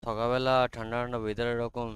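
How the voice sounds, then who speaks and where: A man's voice: medium pitch, flat delivery, clean tone, no echo. Bengali man teaching a class. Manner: quizzing students, reads English lines slowly. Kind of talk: classroom lesson.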